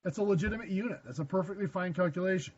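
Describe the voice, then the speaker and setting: Higher-voiced man teaching math in class. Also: very fast, darkish tone, highs cut off, a little hiss or hum. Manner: dry joking asides, self-deprecating; asks the class questions. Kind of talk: classroom lecture.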